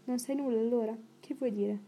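A worldly, witty English aristocrat, voiced by a woman reading an audiobook speaks in an urbane, calmly persuasive way. The tone is mellow and dark and stays fairly level, a little high for his kind. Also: brisk, a little hiss or hum, lightly acted.

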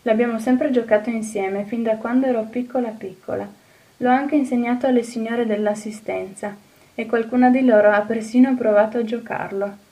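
A woman reading an audiobook, voicing a cheerful, eager little orphan girl who talks in a bright, earnest way. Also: on the high side, steady tone, moderate pace, distant mic, lightly acted, poor audio. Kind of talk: audiobook character voice.

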